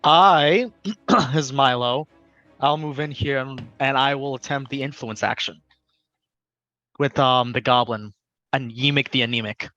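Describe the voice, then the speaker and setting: A man's voice: medium pitch, a little slow, bright, forceful tone, dry recording, soft background music. A man playing a tabletop game, joking and laughing often in casual chat. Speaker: player. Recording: dull, dry close-mic sound.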